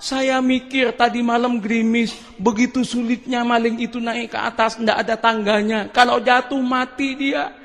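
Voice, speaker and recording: Brief: male preacher voicing a gentle older villager, gravelly, bright. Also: very high-pitched, little pitch movement, normal speed, big-room sound. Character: patient kind older village man.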